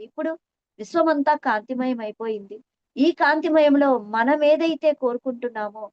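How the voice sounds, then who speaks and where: Speaking to listeners in a spiritual talk, a middle-aged woman testifies about meditation, earnest and reflective, returning to certain phrases to stress them. The high voice comes through a dull, dry lo-fi recording with no echo.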